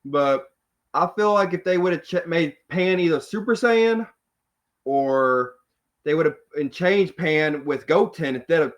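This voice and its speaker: A man's slightly higher voice comes through dull, lo-fi call audio as he hosts a podcast chat. He talks loosely and keeps the group moving from one guest to the next. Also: unhurried. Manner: loose, friendly, runs the round-table. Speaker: podcast host.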